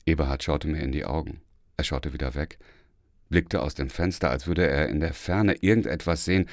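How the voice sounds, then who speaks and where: A man reading a first-person memoir as an audiobook, telling it in a lively storytelling manner. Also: extremely low pitch, moderate pace, dry recording, clean studio sound. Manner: lively, storytelling with acted dialogue. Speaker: audiobook reader.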